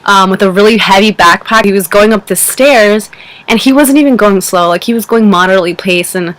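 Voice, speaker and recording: A woman's voice: medium pitch, fairly bright tone, no room sound, rough recording. A woman in her twenties ranting casually to camera in her bedroom, exasperated and profane, rambling with fillers. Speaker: vlogger.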